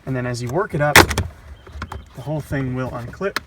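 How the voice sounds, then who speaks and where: A man with a medium-pitched voice walks through a car dashboard installation at a moderate pace, explaining each step plainly in a casual, hands-on tutorial. Heavy background noise runs through the recording.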